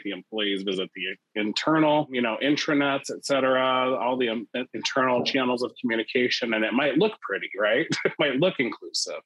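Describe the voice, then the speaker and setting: A man who leads an employee resource group, speaking as a panelist in a live discussion and telling stories in a measured, reflective way with "you know" fillers. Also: medium pitch, fairly bright tone, no echo, poor audio. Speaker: ERG leader, panelist.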